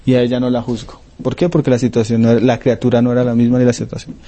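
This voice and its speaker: Conversational male preacher, mellow voice. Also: medium pitch, completely flat delivery, rapid-fire. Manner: conversational, asks frequent checking questions. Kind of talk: sermon teaching.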